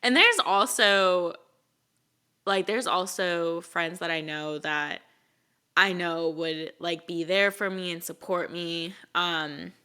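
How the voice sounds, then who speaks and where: A woman's voice: on the low side, slow pace, pushed and bright, smooth. A young woman co-hosting a podcast, chatting casually with lots of fillers and laughs. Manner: rambling, filler-heavy, laughs often. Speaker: podcast co-host. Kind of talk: casual chat.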